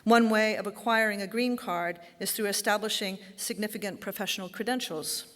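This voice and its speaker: A woman's voice: mid-range voice, steady tone, brisk, a bit bright. A woman hosting an event in a large auditorium, giving a prepared, formal introduction of the guest speaker. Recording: reverberant hall.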